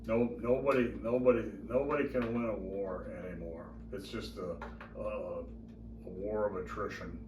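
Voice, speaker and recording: Echoey, distant older American man, halting. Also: fairly low pitch, steady tone, highs cut off. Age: 70s or older. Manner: halting, often repeats words. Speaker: interviewee, grandfather and war veteran. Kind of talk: reflective interview talk. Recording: roomy, distant mic with clear noise.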